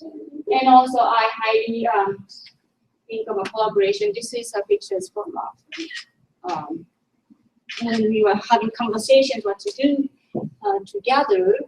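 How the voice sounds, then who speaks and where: Speaking with vocal fry and long pauses at a measured pace, this high-pitched, very animated woman has a darkish tone. She's a middle-aged native Japanese speaker with a Japanese accent, a linguistics teacher presenting informally at a conference and frequently groping for words. It was captured on a distant mic in an echoey room, with faint noise.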